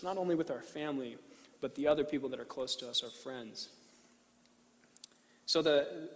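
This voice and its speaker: A man preaching a sermon and reading scripture as a pastor, deliberately, with pauses and repeated phrases. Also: a little high. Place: large reverberant room, speaking to a congregation. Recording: reverberant hall.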